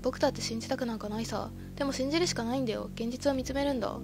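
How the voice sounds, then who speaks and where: A woman's voice: a little high, rapid-fire, music in the background, natural voice. A woman reading aloud the lines of a tense, protective young man in a video game, insisting urgently. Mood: insistent.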